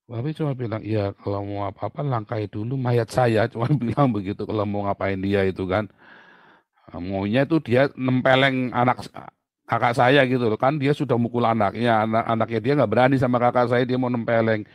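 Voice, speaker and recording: A man preaching a sermon, telling family stories in an animated, chatty way with laughs and asides. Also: medium pitch, brisk, no room sound, clean studio sound. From Indonesia.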